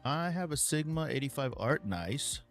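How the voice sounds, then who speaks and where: A man's voice: fairly high pitch, lively intonation, normal speed, faint music behind. Laid-back man hosting a live Q&A. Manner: laid-back, calls viewers man and bro, many ums and uhs. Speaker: livestream host answering viewer questions. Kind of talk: casual live Q&A chat.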